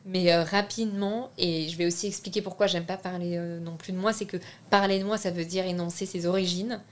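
A young French woman who makes films is the guest in a laid-back interview. Speaking in a somewhat low voice, she's hesitant, restarting sentences and filling pauses as she looks for the right words.

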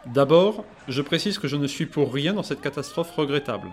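A man's voice: on the high side, animated, normal speed, slight background noise, lightly acted. A man playing a pompous alien superhero. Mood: grandiose. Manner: grandiose, formal. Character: pompous alien male superhero, self-satisfied.

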